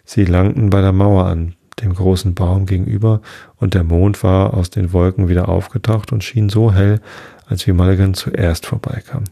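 A man hosting a podcast, reading a fairy tale in a calm, unhurried way. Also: low voice, gravelly, dry recording, clean studio sound. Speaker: podcast host and storyteller.

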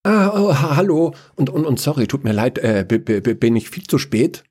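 A man's voice: medium pitch, very animated, moderate pace, a little mellow, breathy edge, voice pushed up. A man voicing a clumsy, scatterbrained male figure of Chaos who stammers and apologizes in a rush. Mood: flustered.

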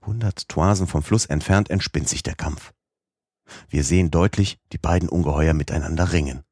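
Audiobook narrator: man, very low voice, measured first-person reading, dry close sound. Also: darkish tone, breathy edge, no room sound. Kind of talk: scripted narration.

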